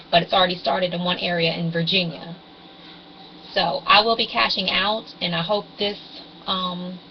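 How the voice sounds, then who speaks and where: A woman's voice: on the low side, highs cut off, a little hiss or hum. A woman in her forties vlogging about couponing over a webcam in a rambling, hesitant way with frequent ums, her voice carrying fuzzy distortion. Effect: fuzzy distorted webcam audio. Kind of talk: casual rambling explainer.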